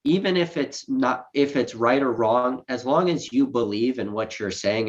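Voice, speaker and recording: A man chatting on a casual live stream, rambling quickly with many restarts and fillers. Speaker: guest collector. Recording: muffled low-fidelity audio.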